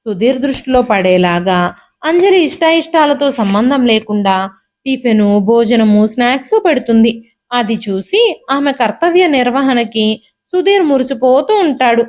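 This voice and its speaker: A woman narrating an emotional family story in a steady, expressive reading. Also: a little high, unhurried.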